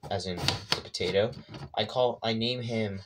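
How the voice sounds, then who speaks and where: In a laid-back cooking vlog, a man with a fairly low voice talks at a moderate pace, tossing off jokes and self-deprecating remarks as he cooks. Heavy background noise persists throughout the clip.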